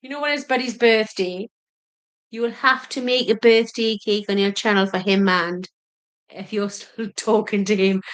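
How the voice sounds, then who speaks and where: A woman's voice: mid-range voice, fairly even intonation, moderate pace. A woman co-hosting a casual live chat, chatty and teasing her husband. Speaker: livestream co-host.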